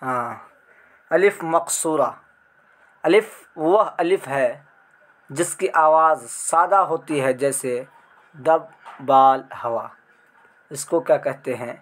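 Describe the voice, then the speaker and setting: A man with a fairly high voice and an Indian Urdu accent teaches an exam prep grammar lesson. He explains each point step by step. He recites the letters one at a time and asks his class questions as he goes. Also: pauses often, a bit bright.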